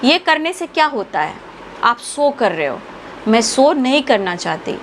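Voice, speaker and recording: A woman's voice: high voice, very animated, measured pace, slight background noise. A woman tarot reader, giving spiritual guidance to her viewers in an earnest, affectionate, preachy way.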